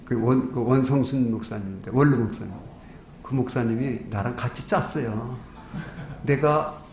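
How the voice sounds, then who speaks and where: A man's voice: mid-range voice, a little mellow, slight background noise. A middle-aged man preaching an evangelistic sermon as pastor, telling stories with quoted dialogue and building to fervent exhortation. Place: church sanctuary. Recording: echoey church room with faint ambience.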